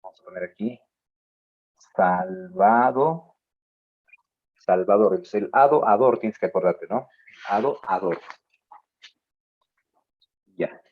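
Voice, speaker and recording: A male teacher giving a spelling lesson, drawing out his words slowly and adding playful asides to his students. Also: fairly low pitch, husky, narrow, tinny audio. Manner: slow, drawn-out words, playful asides to the listener.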